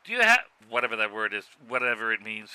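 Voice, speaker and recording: A man playing an excitable, clown-loving male co-commentator who heckles and talks in an eager, impatient way. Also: fairly low pitch, fast, clean tone, pitched below the performer's own voice, exaggerated voice. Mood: indignant.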